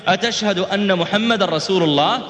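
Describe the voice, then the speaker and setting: A man voicing an arrogant, demanding false prophet who keeps repeating loud taunting questions. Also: high-pitched, brisk, voice pushed up. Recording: reverberant hall.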